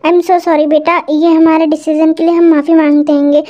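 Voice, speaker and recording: Brief: woman doing gentle mother, slow and soothing, high voice, fan story. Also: level tone, lightly acted. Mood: apologetic. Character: remorseful mother, gentle and apologetic.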